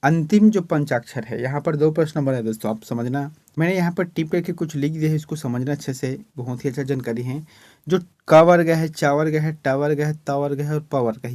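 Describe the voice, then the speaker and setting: With a slightly high, darkish voice on a dry recording, this man runs an exam-prep lesson from Chhattisgarh, India, explaining questions one step at a time and frequently saying "ठीक है" ("okay") to check in.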